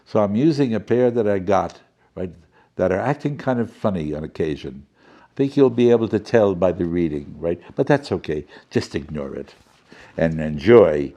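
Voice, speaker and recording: A low, dark-toned male voice, animated and at normal speed, comes through with the high frequencies cut off. He plays a jolly, fussy professor reading a children's storybook theatrically, adding chatty asides and muddling his words, in a chatty, delighted mood.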